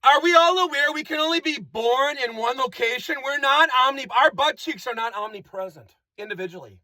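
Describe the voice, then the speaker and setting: A man's voice: extremely high pitch, fairly quick, sharp tone, no echo. A man giving a rambling comic monologue, repeating phrases and playing with made-up words. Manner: rambling, repetitive, playful wordplay.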